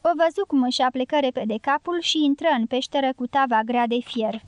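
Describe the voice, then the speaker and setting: A woman reading an audiobook with steady, scripted narration. Her voice sits high, and the recording is close and dry with no room echo.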